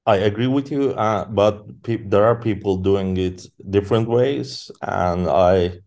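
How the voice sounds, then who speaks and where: A man, a podcast guest speaking English as an in halting casual talk with many fillers. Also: lowish voice, darkish tone. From Turkey. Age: 30s. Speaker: guest musician. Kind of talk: casual interview chat.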